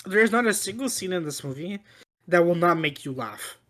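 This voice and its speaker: A man with a fairly high voice chats as a movie podcast host. He sounds tipsy, rambling through his opinions, doubling back on his words and cursing casually. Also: lively intonation, normal speed, a bit bright. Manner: tipsy, from drinking on the show; rambling, repeats himself, swearing. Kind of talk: casual movie review banter.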